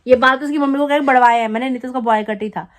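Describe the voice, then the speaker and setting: A young woman vlogger casually telling a story to the camera, chatty and animated, acting out the quotes as she goes. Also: sits high, rapid-fire. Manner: chatty, animated retelling with acted-out quotes and laughter. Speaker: family vlogger.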